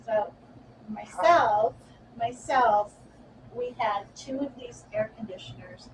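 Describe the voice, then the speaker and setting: A woman working in the shop, telling in a casual, animated way how a ghost frightened her, laughing at herself. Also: on the high side, takes it slowly. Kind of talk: casual storytelling. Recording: distant mic with loud background noise.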